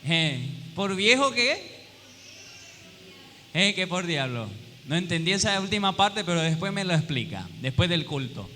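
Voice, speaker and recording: A man's voice: high-pitched, sing-song, unhurried, sharp tone, soft background music. A pastor preaching a sermon to his congregation, often asking them questions and acting out little quoted scenes with humor. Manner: call-and-response questions to the congregation. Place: church hall. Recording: long hall reverb with faint room noise.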